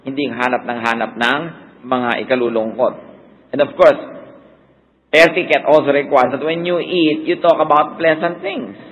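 Filipino man preaching a lively sermon. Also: mid-range voice, a little hiss or hum, rough recording. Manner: switches between Tagalog and English, mimics complaining voices.

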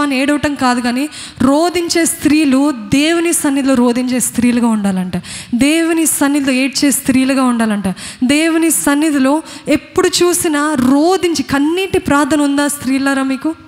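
Woman preacher, Telugu accent, high-pitched voice, long hall echo. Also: normal speed. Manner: earnest, questioning the congregation directly. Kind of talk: sermon. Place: church.

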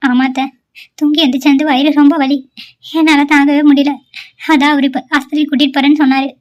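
A woman's voice: high voice, flat delivery, rapid-fire, lightly acted. A woman voicing a frightened young newlywed wife in a cartoon, pleading and apologetic as she cries. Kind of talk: cartoon voice acting.

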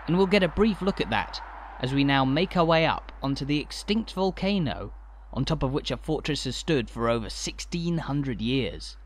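A man giving scripted, measured narration for a walking tour, informative with a light dry humour. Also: mid-range voice, a little hiss or hum.

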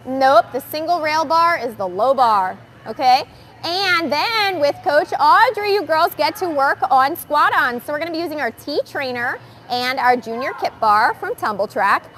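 A young woman coaching kids in a gymnastics gym, explaining stations calmly to viewers and calling out loudly to the girls. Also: sits high, moderate pace, a little hiss or hum. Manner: upbeat, switches between calm explaining and loud calls to the kids. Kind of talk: live coaching demo addressing kids and viewers. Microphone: wearing the microphone.

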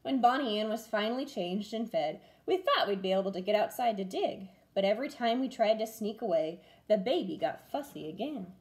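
Reading fairly quickly with hardly any pauses, a woman in her twenties speaks at a medium pitch. She teaches first grade and is reading a picture book expressively to children from a small room at home by a window.

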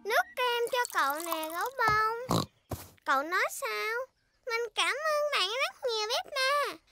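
A woman voicing a bossy, cheerful little girl pig in a cartoon dub, chirpy and bright, with music playing behind. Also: extremely high pitch, expressive, measured pace, exaggerated voice. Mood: playful.

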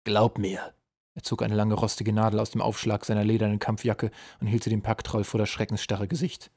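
A man narrating an audiobook in a calm, even storytelling voice. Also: fairly low pitch, fast. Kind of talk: scripted narration.

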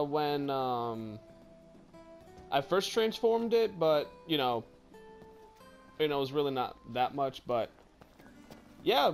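A man's voice: on the high side, creaky. A man giving rambling, casual gameplay commentary, apologetic and swearing a lot, with a cough. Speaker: gaming YouTuber.

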